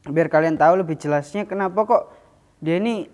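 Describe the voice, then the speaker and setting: A man's voice: a little high, brisk, darkish tone. A man hosting a spiritual mystery channel in casual chat, loose and talkative with many fillers and frequent laughs.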